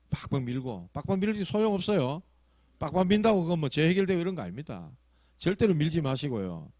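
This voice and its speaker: Lively Gyeongsang pastor preaching. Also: male voice, medium pitch, no room sound. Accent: Gyeongsang Korean. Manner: storytelling, shifting from loud emphasis to hushed asides; acts out quoted prayers and tongues. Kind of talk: sermon.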